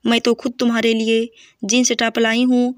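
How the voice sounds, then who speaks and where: A woman's voice: fairly high pitch, completely flat delivery, normal speed, no room sound, clean studio sound, natural voice. A woman reading as a kind, loving mother-in-law. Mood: affectionate. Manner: affectionate, gentle.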